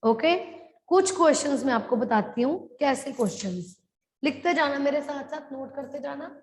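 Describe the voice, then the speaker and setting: A woman teacher dictates a class lesson and drags out each word so her students can follow. Her voice sits high. The recording has a roomy echo with a long reverb tail. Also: animated. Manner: slow, drawn-out dictation of words; mixes English phrases into her speech. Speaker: primary school teacher. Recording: echoey room with long reverb.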